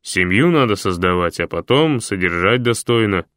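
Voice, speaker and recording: A man voicing a gruff talking mattress, blunt and grumbling. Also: on the low side, expressive, normal speed, fairly bright tone, dry recording, studio quality. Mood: grumpy.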